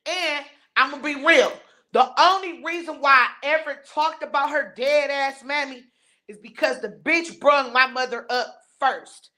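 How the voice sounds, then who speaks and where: Woman, live-stream commentator, high voice, blunt profane rant, scornful, reads chat aloud. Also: a little slow, bright, forceful tone. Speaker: livestream commentator reading viewer chat.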